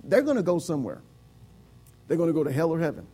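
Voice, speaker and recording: A man preaching a sermon with emphatic, repetitive lines that climb to shouts. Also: on the high side, very animated, fast talker.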